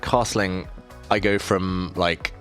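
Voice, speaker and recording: A man with a very low voice chats casually through a live chess stream, mocking his own mistakes and answering viewers. Faint music plays quietly underneath. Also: fairly even intonation, slow pace. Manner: self-deprecating, chatty, reads chat questions aloud.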